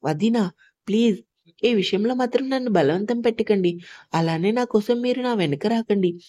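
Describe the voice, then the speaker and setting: A woman voicing a tearful but stubborn young bride, pleading yet firm, in a mellow voice. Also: mid-range voice, normal speed, no room sound, lightly acted.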